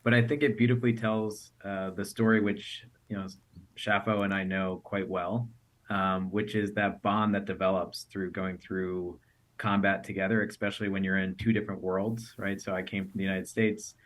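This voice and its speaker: A man with a very deep voice answers as an interview guest. He speaks earnestly, slowing down to reflect as he talks. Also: little pitch movement, fairly bright tone. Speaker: guest, army veteran. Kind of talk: interview conversation.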